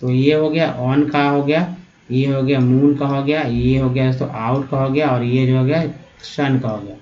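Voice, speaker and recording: A man gives a phonics lesson at an ordinary middle pitch. He sounds out letters and words again and again in a patient drilling manner, and the recording is muffled and lo-fi. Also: fairly even intonation, a little mellow, a little hiss or hum. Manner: drills sounds by repeating them slowly. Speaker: English teacher.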